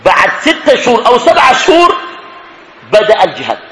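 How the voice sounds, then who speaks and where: A man's voice: very high voice, huge pitch swings, quick pace, background noise. A man teaching religious history, asking his listeners questions and then answering them himself. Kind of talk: lecture on prophetic history. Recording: echoey room.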